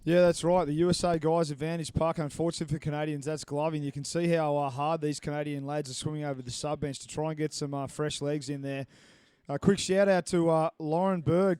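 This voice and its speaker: A man's voice: on the high side, a little mellow, clean tone, no room sound. A man doing live play-by-play commentary, chatty and reading out viewer messages. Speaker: sports commentator.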